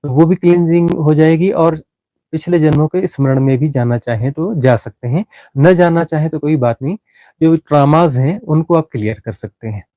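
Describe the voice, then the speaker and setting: Mellow-voiced meditation teacher. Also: male voice, fairly high pitch, no room sound, poor audio. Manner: unhurried explaining with many restarts and fillers. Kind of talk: guided meditation talk.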